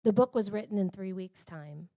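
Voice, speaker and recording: A woman telling a personal testimony to a women's church gathering, earnest and conversational, dropping to a hush and rising when excited. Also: mid-range voice, normal speed, dry recording, studio quality. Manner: earnest, conversational, swings between hushed and excited. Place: church service.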